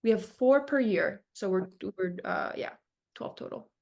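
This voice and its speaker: A woman's voice: medium pitch, animated, a little slow, vocal fry, darkish tone. A woman in her twenties from Argentina, a resident talking casually in an interview with lots of fillers. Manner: conversational, many fillers. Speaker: dermatology resident guest.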